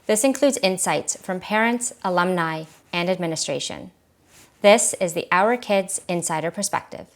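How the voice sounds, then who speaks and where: A woman host and managing editor, giving an even, scripted introduction to the show. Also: fairly low pitch, moderate pace.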